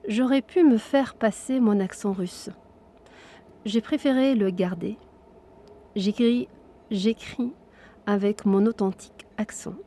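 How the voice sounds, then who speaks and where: A woman giving an expressive, intimate reading of a literary text, her voice sometimes dropping to a whisper. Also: mid-range voice, a little slow. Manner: hushed, intimate delivery that drops into whispers.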